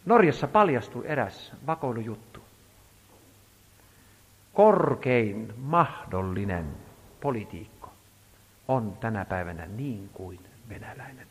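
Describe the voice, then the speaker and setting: A man preaching a sermon, telling a story in an emphatic, animated way. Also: lowish voice, long pauses, husky. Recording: reverberant hall.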